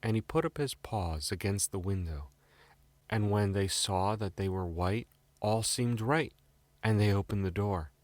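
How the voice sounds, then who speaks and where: A British man reads a scripted fairy tale in a slightly low voice at a measured pace. The recording is dry and close with no room sound, much like a bedtime storybook.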